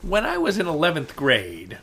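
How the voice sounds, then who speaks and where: A man's voice: on the high side, huge pitch swings, normal speed, gravelly, sharp tone, slightly rough. A man co-hosting a podcast in casual chat, rambling and digressive with a wry, dry humor. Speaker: podcast co-host. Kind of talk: casual chat recapping a dating show.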